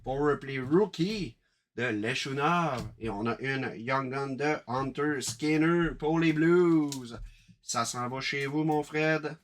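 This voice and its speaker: Opening packs on a live card-break stream, a Quebec French-accented man calls out each card and keeps up brisk chatter. He speaks in a mid-range voice.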